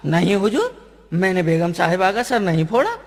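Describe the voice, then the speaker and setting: A man's voice: high voice, sing-song, normal speed, in a large hall, full character voice. A man voicing a bumbling, literal-minded male servant who answers earnestly. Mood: earnest excuses.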